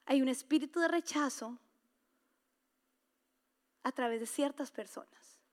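High-voiced woman preaching passionately. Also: a little slow. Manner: impassioned preaching with sudden swings from soft to loud. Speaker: pastor. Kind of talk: sermon to a women's gathering.

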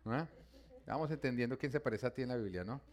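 Male preacher, mid-pitched voice, reads scripture and then turns to talk with the congregation, questioning and emphatic. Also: quick pace. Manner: conversational, asks listeners questions. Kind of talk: sermon reading scripture with commentary.

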